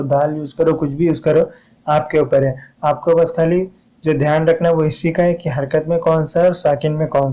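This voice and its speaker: A man's voice: on the high side, warm tone, muffled recording. Man teaching poetic meter, diction. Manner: patient, repeats steps, urges viewers to ask questions. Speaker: poetry teacher. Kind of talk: explaining a lesson on poetic meter.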